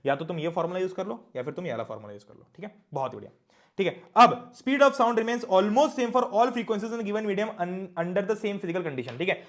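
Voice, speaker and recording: A young man teaching an online class, chatty and often asking his students questions. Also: high-pitched.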